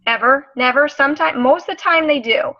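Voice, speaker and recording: A woman's voice: high voice, no room sound, lo-fi sound. Upbeat woman leading a video call. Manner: upbeat, enthusiastic, quick to praise. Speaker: team leader hosting a video call. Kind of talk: casual team meeting talk.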